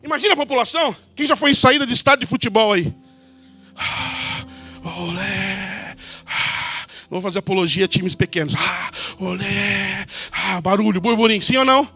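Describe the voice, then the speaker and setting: A Brazilian man preaching a sermon as pastor, dramatic, acting out crowd voices and shouting out names. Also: high voice, lively intonation, moderate pace, husky, faint music behind. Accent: Brazilian Portuguese.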